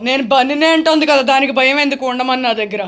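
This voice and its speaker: A woman voicing a menacing female ghost who has possessed a young woman, speaking in a slow, threatening drawl. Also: high-pitched, fairly bright tone. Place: home indoors.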